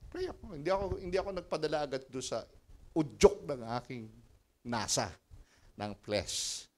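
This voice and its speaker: Animated Filipino pastor preaching. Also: male voice, on the high side, normal speed. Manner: animated storytelling, mixing Tagalog and English, laughing often. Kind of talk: sermon.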